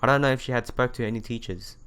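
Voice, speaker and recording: A man reads a visual novel aloud at a quick pace, his mid-range voice fairly bright, while music plays behind him. He drops in casual asides and occasionally stumbles over words, going back to reread them.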